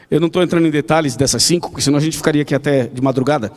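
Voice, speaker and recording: Brief: pastor, chatty storytelling sermon full of rhetorical questions, slightly high voice, long hall reverb. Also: male voice. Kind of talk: evening prayer sermon.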